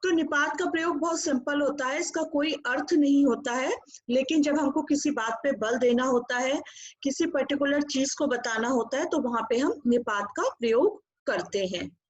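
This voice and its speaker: A woman's voice: high voice, moderate pace. A woman teaching a grammar class online, patient and explaining with repeated examples, now and then slipping in English words. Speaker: Hindi teacher. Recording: dull lo-fi audio.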